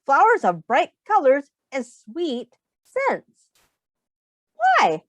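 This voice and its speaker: Reading a picture book to little ones like a teacher, this woman uses a high voice with wildly swooping pitch. She's expressive, pausing for simple explanations and questions for the kids, and the sound is dry with no echo.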